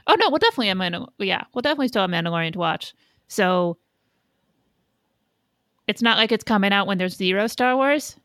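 A woman's voice: medium pitch, lively intonation, fast talker, pauses often, fairly bright tone, dry recording. Blunt woman, dry close sound. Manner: blunt, opinionated, swears casually. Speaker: podcast co-host. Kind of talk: casual fan chat.

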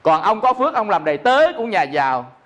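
A man's voice: sits high, big pitch swings, fast, a bit bright. A man with a Southern Vietnamese accent giving a Buddhist dharma talk, explaining by repeating himself and asking listeners questions. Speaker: Buddhist teacher.

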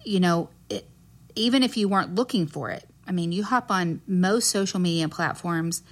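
A woman's voice: fairly low pitch, moderate pace. A woman with a West Texas accent speaking as a nurse guest in an interview, explaining earnestly and choosing her words carefully.

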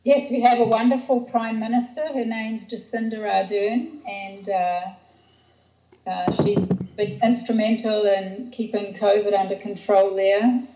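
A woman's voice: medium pitch, fairly even intonation, measured pace, warm tone, a little hiss or hum. New Zealand woman in an echoey room. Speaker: guest. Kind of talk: casual interview.

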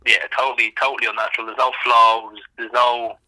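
Irish man on a phone line, sharp bright voice. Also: mid-range voice, fast, no echo. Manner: animated, swears freely. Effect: heard over the phone. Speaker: podcast co-host. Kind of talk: casual chat.

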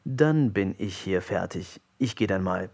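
A man's voice: lively intonation, a little slow, vocal fry, full character voice. A man doing an offhand, scheming pirate captain. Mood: soft, coaxing. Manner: soft, low-key and offhand.

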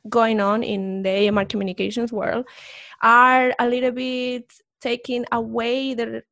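A woman co-hosting a podcast talks through research in a relaxed, explanatory way. Her voice sits a bit high and carries a gravelly edge. It is recorded dry and close, with no room sound. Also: measured pace, dry recording. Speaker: podcast co-host. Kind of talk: casual podcast chat.

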